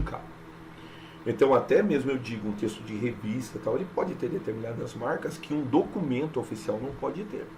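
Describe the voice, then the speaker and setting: A Brazilian man teaching grammar in a casual, talkative way. His voice sits at an ordinary middle pitch and stresses the key points firmly. A faint ambient hiss runs under the recording. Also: a little mellow, low-quality recording. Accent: Brazilian Portuguese. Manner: chatty and emphatic, keeps checking in with the listener. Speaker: teacher correcting an exam. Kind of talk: informal exam-review lesson.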